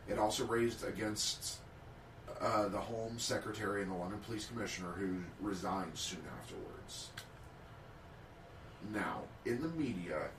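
This man, a podcast co-host on a casual show, has a lowish voice and reads prepared history notes aloud, making small slips. He's recorded from a distance, so the sound is roomy and off-mic, with a bit of hiss or hum.

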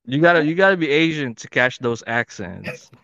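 A man's voice: mid-range voice, animated, normal speed, creaky, bright, forceful tone, dry recording, lo-fi sound. Joking man in casual podcast banter. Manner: joking, puts on silly accent voices. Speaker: podcast co-host. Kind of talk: casual chat.

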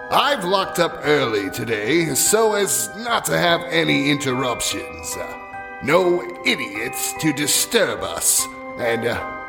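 Gravelly creepy shopkeeper guy, a man putting it on, slow and drawn out, voice swoops up and down, music behind. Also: mid-range voice, heavily acted. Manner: slow, drawn-out, mock-sinister delivery. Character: sinister male horror shopkeeper, macabre, theatrical, easily irritated. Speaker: horror shop keeper host. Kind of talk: audio horror drama hosting.

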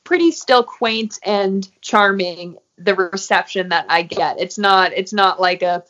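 A woman, a guest in an interview, talking casually and filling pauses with "um" and "you know.". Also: medium pitch, a bit bright. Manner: friendly, many fillers like um and you know. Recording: muffled, lo-fi audio.

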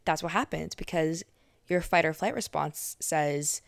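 A young woman hosts a podcast, chatting casually in a monologue full of fillers, restarts and self-corrections. Her voice is low, gravelly and unhurried, recorded with no echo.

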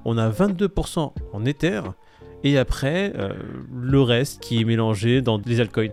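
A man's voice: mid-range voice, unhurried. Young male host, easygoing and jokey, runs the news rundown; faint music under him. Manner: jokey, relaxed, leads the rundown. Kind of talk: casual crypto news chat.

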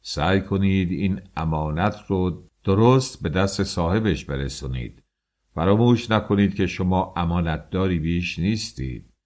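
A man doing a grave old Sufi master. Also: sits low. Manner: slow, grave, hushed. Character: old male Sufi master, solemn and commanding.

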